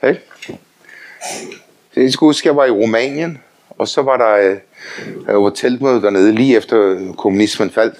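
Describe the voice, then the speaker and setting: An older man preaching a sermon, telling lively anecdotes, often laughing and calling on listeners to say amen. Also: lowish voice, pauses often. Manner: animated storytelling, often laughing, calls for amens.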